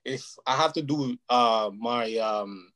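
A man of medium pitch takes it slowly, his voice a bit bright. He's a Portuguese native guesting in a casual interview, speaking sincerely and at length while often checking "you know what I mean".

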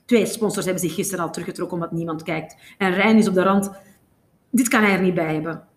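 A hoarse young woman shouts and scolds with a high, urgent edge, as a woman reading a novel voices her. The rasp stays in her throat even as she pushes her voice up and forward. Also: quick pace, lightly acted. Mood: scolding.

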